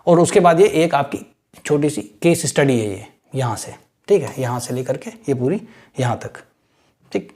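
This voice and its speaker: A man's voice: mid-range voice, expressive, moderate pace, darkish tone. A man teaching English grammar, explaining step by step and checking in with his students after almost every sentence. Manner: explains step by step with constant "right?" check-ins. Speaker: English teacher for exam aspirants. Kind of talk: mixed Hindi-English lecture.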